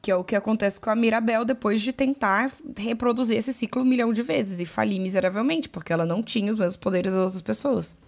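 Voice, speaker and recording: A woman with a Brazilian Portuguese accent co-hosting a podcast, talking frankly and jokingly, quick to interject. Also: fairly high pitch, a little mellow, slight background noise. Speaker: podcast co-host. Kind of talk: casual chat.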